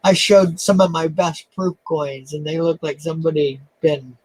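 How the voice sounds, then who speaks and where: A man hosting a casual coin live stream, talking in a halting, self-deprecating way with lots of fillers. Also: a little high, a little mellow, dry recording, poor audio. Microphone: webcam.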